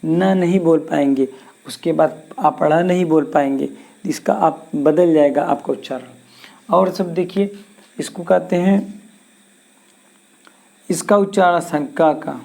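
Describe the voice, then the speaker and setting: A man teaching Hindi grammar in a slow classroom lesson, repeating sounds and asking questions back to his students. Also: on the high side, creaky, a little mellow.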